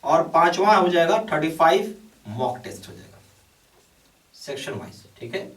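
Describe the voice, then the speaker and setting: Guy coaching for bank exams, pushy and repetitive, slightly high voice, off-mic. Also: expressive, moderate pace, a bit bright. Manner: repeats "okay" often, urging and emphatic. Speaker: bank exam coaching teacher. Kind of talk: explaining a course to students. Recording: echoey room, mic at a distance.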